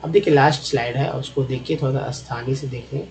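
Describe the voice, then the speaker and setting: A man's voice: medium pitch, steady tone, a little fast, a little mellow, a little hiss or hum, low-quality recording. A man teaches English spelling and pronunciation from slides, drilling each sound several times and calling his viewers friends.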